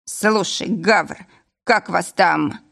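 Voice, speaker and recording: A woman's voice: lowish voice, very slow, vocal fry, a bit bright, exaggerated voice. A woman doing a drunk, hiccuping factory boss. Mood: tipsy. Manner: slurred, hiccuping, overly familiar. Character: drunk middle-aged male candy-factory boss.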